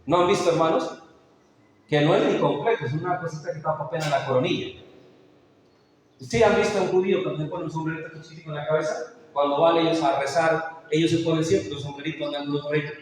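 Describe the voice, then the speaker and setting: A man delivering a sermon in a raised, fairly high voice. He keeps turning to his listeners with questions and calls them brother. The sound is distant and booms with a long hall echo, over a faint noise. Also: fairly even intonation, quick pace. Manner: addresses listeners as brother, asks rhetorical questions. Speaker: pastor. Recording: echoey hall, voice from far off.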